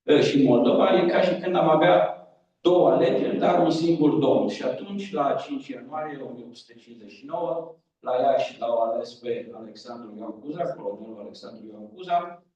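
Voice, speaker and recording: A man presenting to an audience in a formal, measured, explanatory way. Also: mid-range voice, mellow. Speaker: event presenter. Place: large echoey hall. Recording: echoey hall from far off, dull.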